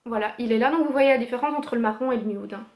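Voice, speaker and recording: A chatty woman with a fairly high voice presents a casual beauty haul, brimming with enthusiasm and sprinkling fillers as she goes. She speaks into a camera mic in a room at home. The room gives her voice a noticeable echo. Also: fast talker, darkish tone. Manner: chatty and enthusiastic, full of "voilà" and "euh". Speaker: beauty vlogger. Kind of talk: casual make-up haul vlog. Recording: echoey room.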